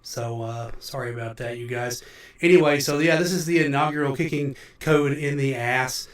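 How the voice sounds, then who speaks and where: Brief: middle-aged man, getting over an illness, halting and rambling, his voice echoing like a big hall and set back from the mic. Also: mid-range voice, distant mic. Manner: rambling, halting, with many fillers. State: recovering from illness, under the weather. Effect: roomy echo like a big hall. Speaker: musician livestream host. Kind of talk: casual livestream chat. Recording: echoey room, voice from off the mic.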